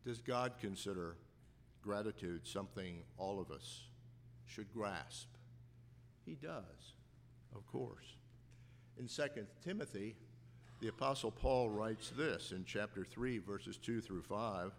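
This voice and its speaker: A man preaching a sermon in a measured way, telling anecdotes and reading scripture. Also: fairly low pitch, a little hiss or hum. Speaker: pastor. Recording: reverberant hall.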